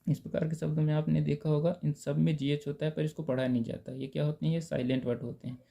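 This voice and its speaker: A man teaching a lesson, going over exam answers and slowly spelling out words letter by letter while speaking directly to the viewers. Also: a little high, flat delivery, gravelly, warm tone. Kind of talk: casual Hindi lesson explaining answers. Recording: dull lo-fi recording.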